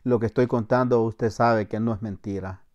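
A middle-aged Salvadoran man, a former soldier, telling a story to camera with acted-out shouted commands. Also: on the low side, fairly even intonation, normal speed, lo-fi sound. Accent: Salvadoran Spanish. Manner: acts out shouted commands, laughs, voseo slang.

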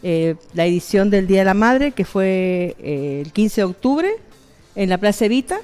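A woman's voice: medium pitch, expressive, moderate pace, darkish tone, smooth, soft background music. A woman in her fifties with an Argentine accent, a fair organizer chatting in a TV studio interview on a headset mic, affirming and repeating phrases. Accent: Argentine Spanish.

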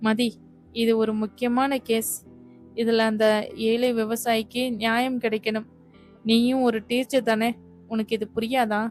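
Woman voicing an earnest lawyer husband, placating, flat delivery, storybook. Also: fairly high pitch, a little slow, long pauses, faint music behind, lightly acted.

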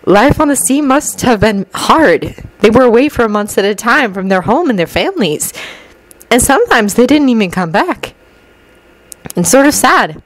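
A woman's voice: on the high side, sing-song, moderate pace, no echo, poor audio. Practical, plain-spoken teen girl, voiced by a female storyteller; dry close sound. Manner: plain, matter-of-fact. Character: practical, level-headed teenage girl posing as boy.

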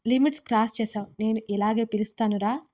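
A woman doing a fiery young woman boss in a storybook audio drama, sharp and scolding, her voice fairly high. She snaps at the man who keeps teasing her. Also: fairly even intonation, quick pace, lightly acted.

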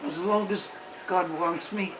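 A woman's voice: on the low side, steady tone. A woman in her eighties chatting playfully from a hospital bed, teasing about getting old. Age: 80s. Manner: slow, playful, self-mocking. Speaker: grandmother. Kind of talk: casual family chat. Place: hospital room, lying in bed. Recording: noisy home video.

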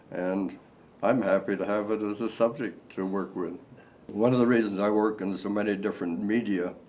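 An older man from Nebraska, an artist talking slowly and haltingly with many fillers in a seated indoor interview. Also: sits low, darkish tone, slight background noise, low-quality recording. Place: indoor room.

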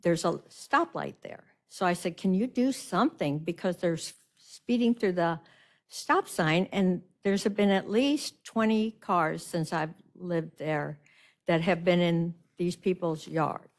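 A woman's voice: on the low side, takes it slowly. Indignant older woman at a hearing. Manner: indignant, emphatic complaint. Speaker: resident speaking at public hearing. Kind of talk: public comment at a hearing. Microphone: video call.

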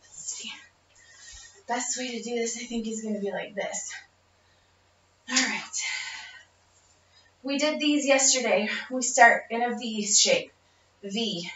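Fitness vlogger, woman. Slow, bright counting of reps, a little winded, recorded on a far camera in a roomy home with dull audio. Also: a little high, slight background noise. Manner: counts reps aloud, encouraging, laughs between cues. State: short of breath. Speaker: fitness instructor. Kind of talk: home workout instruction.

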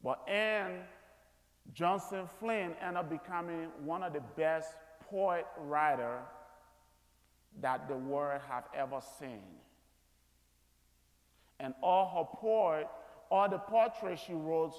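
A high-voiced man in his thirties, a guest chapel speaker, preaches slowly to a school chapel from a large indoor auditorium stage. The hall echoes with long reverb.

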